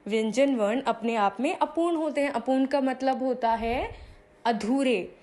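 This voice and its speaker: A young woman with a high, bright voice teaches children a grammar lesson. She asks the class questions and answers them herself. She draws out single sounds and repeats key phrases slowly.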